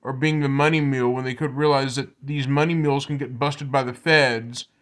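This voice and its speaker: A man vlogging casual news commentary, sometimes reading aloud, in a halting, repetitive way that restates his points. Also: mid-range voice, fairly even intonation, a bit bright.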